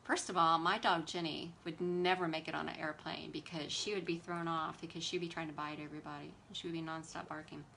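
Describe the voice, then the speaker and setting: Bright, sassy woman. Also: sits low, brisk, creaky, hardly any pauses, slight background noise. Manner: animated, exasperated storytelling with sass. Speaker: beauty livestream host. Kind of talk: casual livestream chat while doing makeup.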